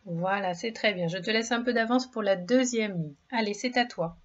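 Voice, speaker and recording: A woman's voice: medium pitch, normal speed, lo-fi sound. A woman teaching a children's reading lesson, speaking patiently and encouragingly and stretching out each word and syllable. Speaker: primary school reading teacher. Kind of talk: slow, clearly articulated reading lesson for young children.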